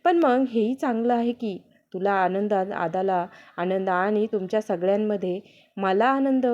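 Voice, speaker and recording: A playful young husband who teases his wife warmly , as a woman narrator puts him on. The voice is mellow and soft-edged. The recording sounds dull and lo-fi. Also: medium pitch, unhurried, natural voice. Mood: tender. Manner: teasing, affectionate.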